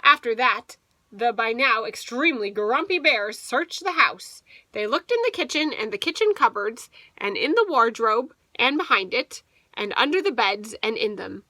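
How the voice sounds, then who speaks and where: A teacher with a high, bright voice reads a children's picture book to a young class, her expressive delivery swinging up and down at a moderate pace. She adds explanatory asides for the young listeners, and the recording is dry.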